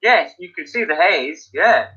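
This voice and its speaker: A man hosting a live stream from his attic, telling animated stories, laughing and swearing freely in casual chat. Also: fairly high pitch, a little slow, husky. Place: indoors by an open attic window. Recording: dull lo-fi stream audio.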